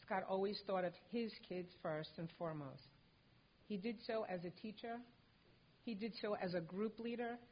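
Her medium-pitched voice calm and composed, an older woman reads a prepared tribute at a lectern while accepting a hall of fame honor for her late son. She's on a stage in a large indoor hall, recorded through the lectern microphone. The lo-fi hall audio is dull, with slight background noise.

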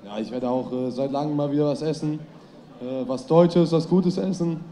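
A tired young man answers interview questions in short, plain sentences. His voice is very dark and subdued. Faint background noise is heard behind him. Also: fairly high pitch, normal speed. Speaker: athlete being interviewed.

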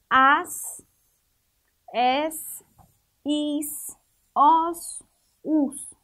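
A woman's voice: high voice, a little mellow, rough recording. A woman teaching a first-grade Portuguese lesson, speaking patiently and stretching out syllables for children, with a Brazilian Portuguese accent.

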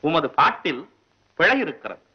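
A proud elder court poet who lectures in grand, formal phrases, his high voice swinging widely as he scolds. The sound is a dull, muffled 1960s film track. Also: very animated, normal speed, husky. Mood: stern. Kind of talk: 1960s Tamil film acting.

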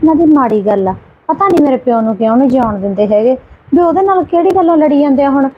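A woman plays a young mother softly questioning and soothing her child, in a fast, raised voice. The recording is dull with a faint hiss behind. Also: high voice, expressive. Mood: reassuring. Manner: gentle questioning, reassuring. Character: young married daughter comforting her child. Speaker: actor in a family skit. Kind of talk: home-made family drama skit.

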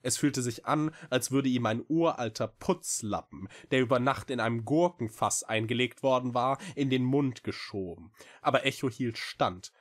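A man reading a novel aloud in an expressive, theatrical narrating style. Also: medium pitch, normal speed. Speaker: storybook reader.

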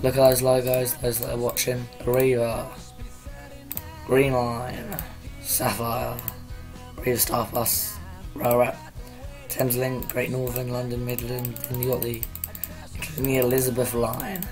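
A man with a croaky voice casually talking to viewers on a live stream, rambling as he sets things up. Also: medium pitch, monotone, a little slow, pauses often, a little mellow, soft background music. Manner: rambling, chatty, addressing viewers.

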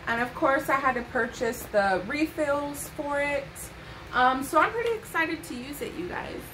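A woman's voice: high-pitched, expressive, normal speed, background noise. A young woman vlogging a casual haul to camera from her bedroom, sassy and chatty with playful asides.

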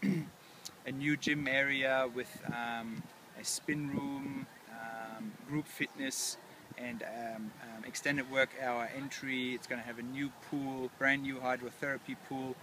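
A man in his thirties with an Australian accent, a council project manager giving a relaxed walkthrough outdoors with many ums and restarts. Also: medium pitch, slow, noisy background. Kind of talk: casual on-site walkthrough. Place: outdoors at a construction site. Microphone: lapel mic.

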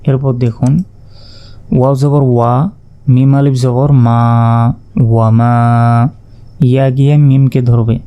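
A man with a warm, level, medium-pitched voice gives a step-by-step Quran reading lesson. He slowly spells out the letters and vowel marks one by one.

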